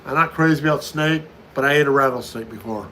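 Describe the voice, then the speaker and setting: A man's voice: mid-range voice, fast talker, pushed and bright, a little hiss or hum, poor audio. An American man in his fifties chatting casually on a live stream, answering viewer questions one after another and often repeating himself. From United States. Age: 50s. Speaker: livestream host.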